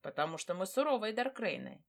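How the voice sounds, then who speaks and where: A woman voicing a proud, brooding male dragon lord who speaks tenderly to his fiancée, in a low, hushed tone. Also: sing-song, brisk, gravelly.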